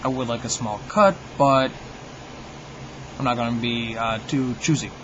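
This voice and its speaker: Wry man with a higher-middle lo-fi voice. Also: unhurried, fairly bright tone, a little hiss or hum. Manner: wry, mock-opinionated, tongue-in-cheek. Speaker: video host. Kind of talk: humorous monologue to viewers.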